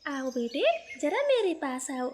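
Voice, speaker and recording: A woman's voice: high voice, big pitch swings, a little slow, slight background noise. Woman doing a meek young sparrow wife. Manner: soft, meek, patient. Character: gentle young female sparrow daughter-in-law.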